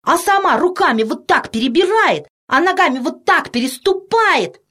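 A woman voicing an excited, chattering little red-haired boy in a storybook reading. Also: very high voice, moderate pace, voice pushed up, heavily acted.

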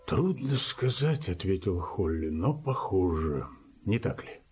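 Actor playing a gentle journalist, husky, lowish voice. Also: male voice, big pitch swings, a little slow, soft background music, heavily acted. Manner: gentle, soft-spoken. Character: kindly male journalist, middle-aged.

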